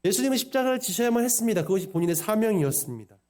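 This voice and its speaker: Fast, animated preaching man. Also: high voice. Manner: preaching with quick, animated delivery and voiced quotes. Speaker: pastor. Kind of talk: sermon.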